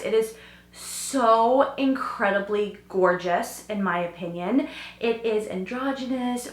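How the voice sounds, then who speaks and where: A young fashion vlogger who is losing her voice chats eagerly to camera in a casual vlog, using many fillers. Her voice is a little high with a fairly bright tone, and it's a roomy home recording.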